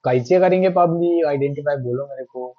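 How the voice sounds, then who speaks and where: Young male tutor, fairly high voice, casual and reassuring, slightly dull recording. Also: a little fast. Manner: chatty, reassuring, mixes English phrases. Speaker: Hindi teacher. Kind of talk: online grammar lesson.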